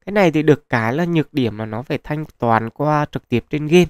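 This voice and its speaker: Talking over screen capture into a close mic, this man guides viewers through a mobile game for his gaming channel. His slightly high, darkish, smooth voice is animated and fairly quick on a dry recording, and his chatty commentary is sprinkled with fillers.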